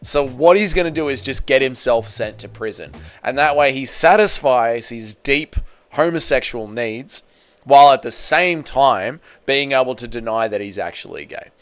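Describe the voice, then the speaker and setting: Speaking at normal speed with a medium-pitched, expressive voice, a 30-something streamer riffs on MMA and reads viewer comments during a casual livestream. He's crude and blokey, repeats himself a lot, and calls his audience "boys."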